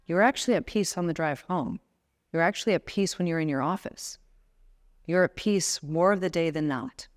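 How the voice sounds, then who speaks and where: Speaking at a moderate pace with a fairly low voice, a woman in her thirties delivers a motivational talk as a guest speaker before a live audience. Her tone is emphatic, rising toward passionate exhortation.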